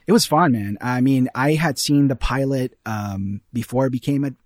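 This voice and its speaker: A man's voice: medium pitch, normal speed, no echo, studio quality. A young man from Ecuador, a guest in a casual podcast chat, talking in a rambling way with many fillers and restarts. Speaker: guest, animation artist.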